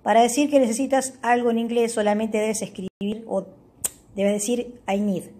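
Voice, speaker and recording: Husky-voiced woman explaining an app. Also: fairly high pitch, fairly even intonation, moderate pace, mellow. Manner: explanatory, often checks in with "¿ok?"; reads English words aloud for the viewer. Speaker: tutorial host. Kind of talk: app walkthrough tutorial.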